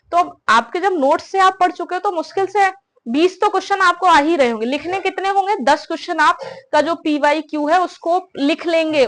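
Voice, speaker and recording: Woman, young adult, high voice; casual mentor talk to students. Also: a bit bright. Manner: conversational, repeats tag questions, addresses listeners as brother. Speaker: exam preparation mentor.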